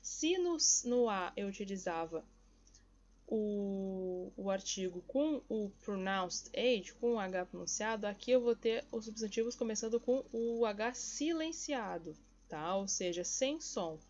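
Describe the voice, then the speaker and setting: A woman with a Brazilian Portuguese accent teaching an English grammar lesson. She talks patiently, repeats each example slowly and keeps checking in with the class. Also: medium pitch, animated, a little mellow, dull audio.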